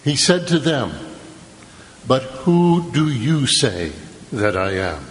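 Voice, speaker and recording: Brief: man, gospel reader at mass, unhurried, steady proclamation, long cathedral echo. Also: medium pitch. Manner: slow, measured proclamation. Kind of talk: liturgical scripture reading. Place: large church. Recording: long church reverb.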